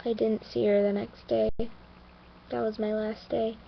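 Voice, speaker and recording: A teenage girl telling a personal story to the camera, somber and earnest, halting with many fillers and restarts. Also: a little high, level tone, gravelly, slight background noise. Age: teens. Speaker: vlogger. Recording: dull lo-fi home recording.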